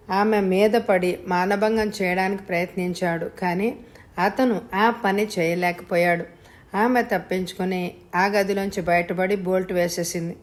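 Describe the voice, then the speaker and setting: A woman narrating a suspense thriller as a storyteller, in a steady, dramatic reading. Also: medium pitch. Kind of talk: scripted narration.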